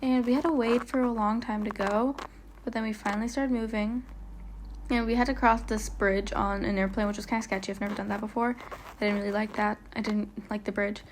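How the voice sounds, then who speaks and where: Woman, casual vlog narrator, higher pitch, rambling and stuttery, faint background hiss. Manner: chatty, rambling, lots of "like" fillers; stumbles and stutters on words. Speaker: vlogger. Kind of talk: casual travel vlog voiceover. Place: voiceover, not recorded on location.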